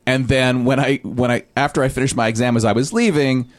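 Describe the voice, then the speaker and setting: A man in casual podcast chat, working through a story at a halting pace. He restarts his sentences and hunts for the right word. His voice sits in an ordinary middle pitch. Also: fairly even intonation. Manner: halting, restarts, searches for words. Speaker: podcast regular. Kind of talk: casual chat, telling an anecdote.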